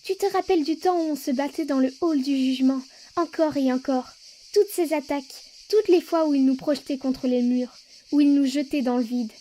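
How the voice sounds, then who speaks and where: A woman's voice: sits high, brisk, dark tone, a little hiss or hum, lightly acted. A woman voicing a determined human child in a fan dub of a game. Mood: menacing, taunting. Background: music.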